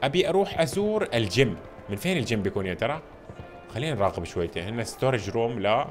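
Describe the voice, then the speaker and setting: A man giving casual, excitable commentary while playing a video game, talking to his viewers all the time. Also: medium pitch, racing, over music. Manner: excitable, chatty, addresses viewers constantly.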